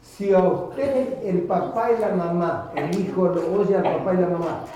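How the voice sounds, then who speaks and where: A male pastor preaches in a somewhat high voice, acting out the people he quotes. He sounds distant from the mic, and the church hall echoes heavily around him while the congregation is clearly heard. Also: unhurried, slight background noise. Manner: lively preaching, acts out quoted parents and children. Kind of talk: sermon.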